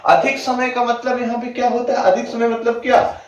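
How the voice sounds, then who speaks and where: A man teaching an exam-prep grammar lesson. He asks the class questions, answers them himself, repeats definitions slowly with drawn-out words and keeps saying "ठीक है". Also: extremely high pitch, completely flat delivery. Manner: fills gaps with "ठीक है". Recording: echoey, distant, dull lo-fi room sound.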